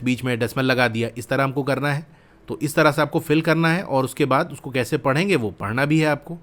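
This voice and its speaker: A man's voice: medium pitch, a bit bright. A man teaching a school maths lesson, explaining step by step and asking questions he then answers himself.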